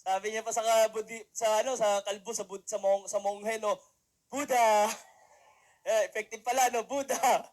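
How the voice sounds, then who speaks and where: A young man with an unusually high voice speaks from an event stage to a live audience. He works as a mentor and motivational speaker, and he tells his stories with animated energy. He acts out the people he quotes and keeps checking in with the crowd through rhetorical questions. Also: fairly quick. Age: young adult. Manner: animated storytelling, acting out quotes; peppers lines with rhetorical "di ba?".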